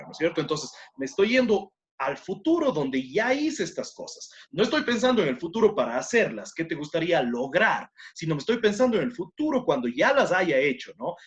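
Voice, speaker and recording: A man's voice: fairly high pitch, a bit bright. A man teaching English to Spanish speakers, mixing both languages and praising students often. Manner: encouraging, repeats praise, switches between Spanish and English. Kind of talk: bilingual classroom instruction. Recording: muffled lo-fi classroom audio.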